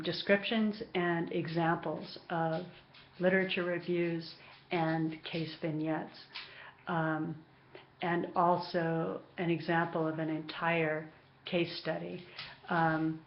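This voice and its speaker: Woman course instructor, pensive and halting, flat intonation, unhurried pace, muffled lo-fi audio, informal class update. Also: sits low, a little hiss or hum. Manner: hesitant, pausing, thinking as she speaks. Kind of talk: informal recorded class announcement.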